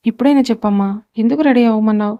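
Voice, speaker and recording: A woman's voice: a little high, very fast, dark tone, dry recording, close to an everyday voice. A woman reading the lines of a suspicious, scheming middle-aged aunt in a Telugu audio story. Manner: suspicious, then pleading and scared.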